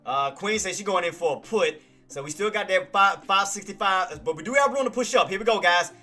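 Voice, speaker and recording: A man's voice: sits high, lively intonation, brisk, sharp tone, soft background music. A man hosting a live stock trading stream, giving casual market commentary, laughing often and talking to viewers by name. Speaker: stock trading livestream host.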